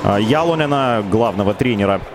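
A man giving live radio play-by-play of hockey in a measured, descriptive, detailed way. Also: on the low side, animated, background noise.

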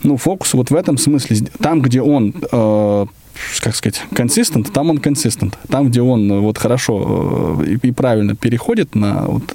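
A man's voice: medium pitch, normal speed, mellow. A man casually explaining and demonstrating something live, talking off the cuff. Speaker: app demonstrator.

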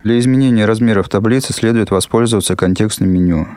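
A man reading scripted instructional narration as an instructor, in a measured, formal manner. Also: fairly low pitch, darkish tone, smooth. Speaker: instructor narrating a software lesson.

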